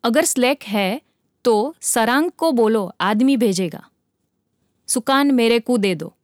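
A woman voicing a calm, commanding male chief officer of a ship in a storybook reading. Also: on the high side, measured pace, no room sound, clean studio sound. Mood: alert. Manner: steady giving of orders.

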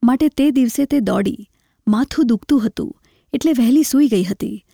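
Woman reading a short story, calm and reflective, high voice, dry close sound. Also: moderate pace, vocal fry, husky, no echo. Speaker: narrator.

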